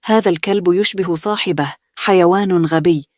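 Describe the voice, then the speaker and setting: A woman's voice: lowish voice, normal speed, a little mellow, dry recording, studio quality, lightly acted. A woman reading the part of a sarcastic older brother, a young man, in a bedtime story. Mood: jeering. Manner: sarcastic, jeering.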